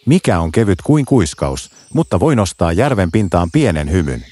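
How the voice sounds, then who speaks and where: A man voicing a sharp-eyed but kind male fox guarding a mountain path in a children's storybook, posing riddles calmly. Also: low voice. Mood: riddling. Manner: calm, riddling.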